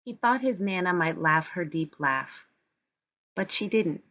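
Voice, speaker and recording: A woman narrates a children's storybook in a fairly low voice. She takes it very slowly, with deliberate phrasing. The recording is a little dull and lo-fi. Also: lively intonation, a bit bright. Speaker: storybook reader. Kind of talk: scripted children's read-aloud narration.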